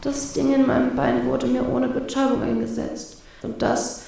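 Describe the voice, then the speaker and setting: A woman voicing a wounded, prickly young pirate crew woman in a strained, often hushed, gravelly voice. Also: high-pitched, level tone, normal speed, heavy reverb, slight background noise, voice pushed up. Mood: weak, fearful.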